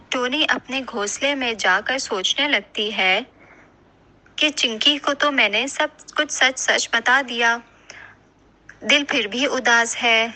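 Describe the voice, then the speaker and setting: A woman telling a children's animated moral story. Her delivery is clear and storybook-like, with a bright, slightly high voice. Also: rough recording. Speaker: narrator. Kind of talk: storybook narration.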